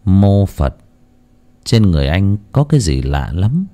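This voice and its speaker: A man voicing a calm elderly Buddhist monk who speaks slowly and solemnly. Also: sits low. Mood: probing. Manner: slow, measured, solemn chanting tone.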